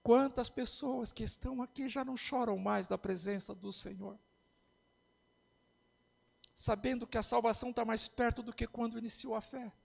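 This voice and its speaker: Brazilian pastor guy, really high voice, impassioned sermon, long hall echo. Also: steady tone, moderate pace, creaky. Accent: Brazilian Portuguese. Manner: impassioned preaching.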